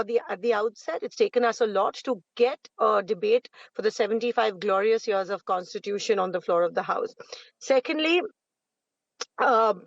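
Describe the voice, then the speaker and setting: A woman's voice: mid-range voice, no echo. Indian woman politician on dull, muffled audio. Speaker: opposition party politician, panellist. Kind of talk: political argument on a TV debate.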